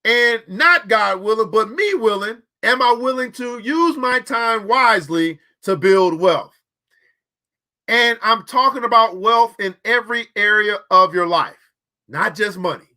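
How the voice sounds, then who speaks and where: Addressing his audience directly, a man in his forties hosts a preachy motivational talk on money and keeps repeating phrases for emphasis. He sounds animated yet unhurried, with a high, pushed, bright voice.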